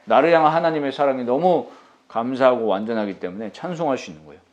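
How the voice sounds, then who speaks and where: A male pastor preaching a sermon with a very lively, animated pitch, talking casually and throwing questions at his congregation. The recording sounds somewhat dull and lo-fi. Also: fast talker. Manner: conversational preaching with rhetorical questions and laughs.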